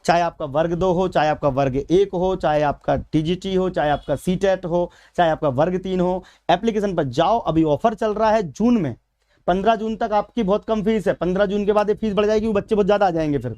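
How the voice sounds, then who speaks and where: Male coaching teacher, Madhya Pradesh Hindi accent, high, clean voice, chatty live-class delivery. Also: brisk, mellow. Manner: chatty, addresses viewers as beta and bhaiya. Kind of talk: live exam-prep class.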